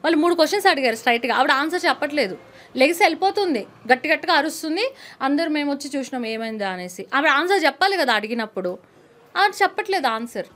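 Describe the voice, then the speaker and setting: A woman's voice: high voice, lively intonation, rapid-fire, fairly bright tone. A woman speaking as an interview guest, indignant and quoting others as she argues. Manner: indignant, quotes others mockingly. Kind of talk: heated interview talk.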